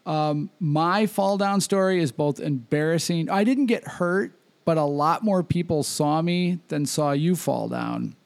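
Talkative male host with a higher-pitched voice. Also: measured pace, hardly any pauses. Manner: talkative, leads the conversation. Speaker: podcast host. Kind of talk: casual chat and anecdote.

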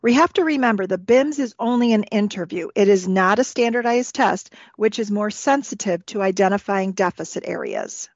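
Female expert for a scripted training podcast, formal and instructional, mid-pitched, dull lo-fi recording. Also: moderate pace, few pauses, a little mellow, no echo. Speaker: expert guest. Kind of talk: scripted educational podcast discussion.

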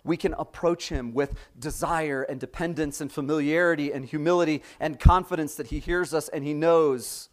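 A man in his forties, a pastor preaching a sermon in a conversational way, often checking in with the congregation with rhetorical questions. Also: medium pitch. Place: church sanctuary before a congregation.

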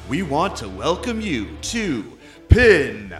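A man's voice: fairly high pitch, huge pitch swings. A man announcing a podcast intro in a showy ring-announcer style. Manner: showy, drawn-out announcer delivery. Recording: roomy recorded intro over guitar.

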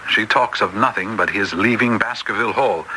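An actor playing a loyal, worried gentleman doctor in a radio drama, proper and earnest. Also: on the low side, normal speed, slight background noise, rough recording. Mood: puzzled, confiding. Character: loyal, worried English doctor, detective's companion.

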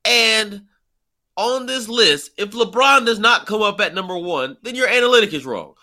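A man's voice: high-pitched, lively intonation, normal speed, sharp tone. A man co-hosting a sports talk show, lecturing and dismissive as he argues his point. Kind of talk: heated sports debate.

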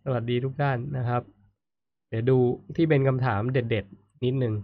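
A man with a medium-pitched, steady voice hosts a casual live-stream chat at normal speed, reading viewer comments aloud and murmuring "mm" often as he listens. The audio is narrow and tinny, with no echo.

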